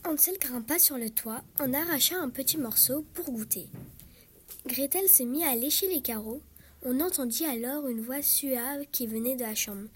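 A woman reading a fairy tale aloud in steady storybook narration. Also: high voice, moderate pace, a little hiss or hum.

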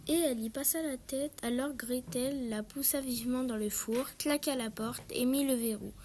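High-voiced woman telling a fairy tale. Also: normal speed, a little mellow, a little hiss or hum. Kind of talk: reading a fairy tale aloud.

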